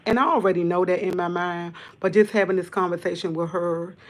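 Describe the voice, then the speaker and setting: A tearful woman hosts a livestream, speaking straight to a camera. Her talk is halting and earnest; she repeats her words and circles back as she fights back tears. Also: on the low side. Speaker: livestream host. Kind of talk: emotional livestream monologue.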